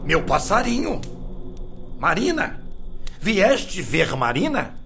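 A man's voice: high voice, huge pitch swings, slow, vocal fry, over music, heavily acted. A man playing a pompous, domineering father. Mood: coaxing. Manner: pompous, commanding. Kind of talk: audio drama acting.

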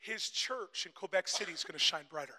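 A male preacher delivers his sermon phrase by phrase, pausing for his interpreter. His voice sits very high and bright. He climbs to shouted peaks, ringing in a reverberant church hall. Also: animated. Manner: builds to shouting crescendos. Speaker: guest preacher.

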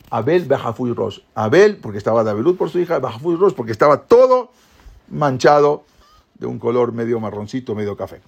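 Gravelly man telling a lively story. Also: mid-range voice, highs cut off. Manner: lively retelling, acts out quoted lines, scatters Hebrew terms. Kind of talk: animated storytelling lesson.

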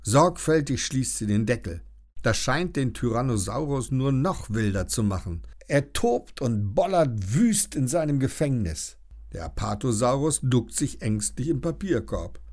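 Expressive male children's-story narrator. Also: medium pitch, a little slow.

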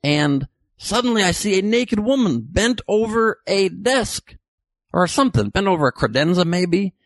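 A man's voice: high voice, very animated, normal speed, no echo. A man hosting a comedy show, delivering a dry, rambling monologue full of self-correcting jokes. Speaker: comedy podcast host. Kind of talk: deadpan comic monologue.

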